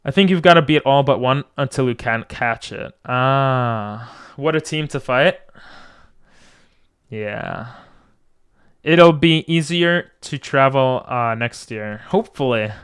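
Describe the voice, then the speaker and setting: Clear-voiced young-sounding male game streamer. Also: mid-range voice, fairly bright tone. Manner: reacts to chat, thanks viewers, drifts between asides. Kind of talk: casual livestream gaming chat.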